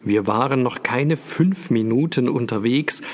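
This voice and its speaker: A man reading a story aloud as narrator, in a slow, measured way. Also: mid-range voice. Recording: long hall reverb.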